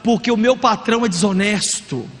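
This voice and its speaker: A man with a Brazilian Portuguese accent preaching a sermon as pastor, energetic and humorous, acting out quotes. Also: high-pitched, moderate pace, long reverb tail.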